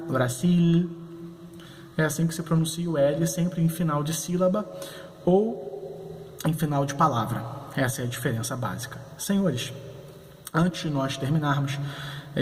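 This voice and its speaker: A Brazilian man teaching a recorded class, explaining slowly and often checking in with "né?". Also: fairly high pitch, a little mellow, reverberant, long reverb tail. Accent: Brazilian Portuguese. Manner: didactic, frequent "né?" checks, spells out sounds slowly. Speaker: Spanish teacher. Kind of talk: recorded online class lecture.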